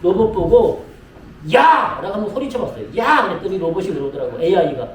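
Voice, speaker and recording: A man's voice: high-pitched, expressive, racing, mellow, slight background noise. A man preaching a sermon as pastor, speaking to his congregation with lots of repetition and direct appeals. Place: church sanctuary. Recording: echoey room mic from a distance.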